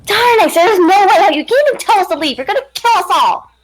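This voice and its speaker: A man voicing a frantic young woman trapped with others in a tabletop role-play game, speaking in a shrill voice. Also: very animated, fast talker.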